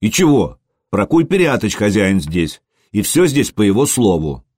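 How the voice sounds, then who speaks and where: A man voicing a hot-headed young male retainer who shouts in shrill outrage. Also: big pitch swings, normal speed, breathy edge, no echo, clean studio sound. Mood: complaining.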